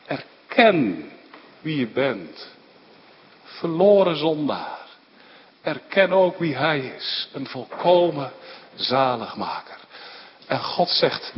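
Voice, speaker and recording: A man preaching a sermon with fervor, his voice swelling louder on key phrases. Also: mid-range voice. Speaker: pastor. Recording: dull lo-fi church recording with long reverb.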